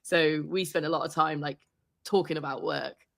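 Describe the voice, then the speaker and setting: A woman sports reporter chatting as an interview guest, telling animated stories and laughing often. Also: low-pitched, moderate pace, vocal fry. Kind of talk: casual interview chat.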